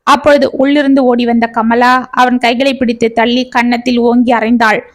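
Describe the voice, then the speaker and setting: A woman narrating a scripted family drama story in a steady, clear storytelling manner. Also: on the high side, normal speed.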